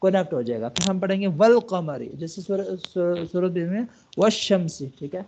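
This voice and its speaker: A man from Pakistan teaching an online Arabic lesson, explaining step by step and reading English lines aloud slowly, checking often that the student follows. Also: high-pitched, animated, darkish tone, a little hiss or hum. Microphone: online call.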